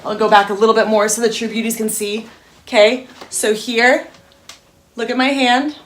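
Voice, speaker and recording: A woman's voice: fairly high pitch, steady tone, normal speed. A woman leading a casual live-stream breathing lesson as a yoga instructor, chatty and encouraging as she speaks straight to her viewers. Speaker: yoga instructor and wellness coach.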